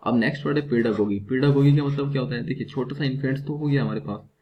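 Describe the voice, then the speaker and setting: A man's voice: mid-range voice, fast talker. An Indian man with an accent teaching a vocabulary lecture, who keeps asking questions and then answering them himself. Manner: asks and answers his own questions. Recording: dull lo-fi sound with faint hiss.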